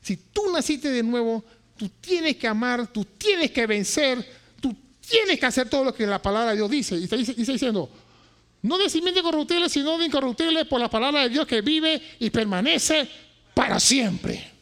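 Gravelly, high-pitched preaching man. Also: animated, moderate pace. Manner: swings between shouting and quiet asides; repeats phrases for emphasis. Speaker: pastor. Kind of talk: impassioned sermon.

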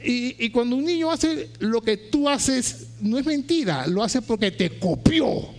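Man preaching a sermon, really high gravelly voice, shouts his questions then goes low and quiet. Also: animated, unhurried. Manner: stumbles and repeats words.

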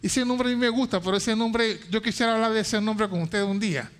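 High-pitched fiery male preacher. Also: brisk, clear, resonant tone. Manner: impassioned, rising to shouted declarations; frequent stammered restarts. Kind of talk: sermon.

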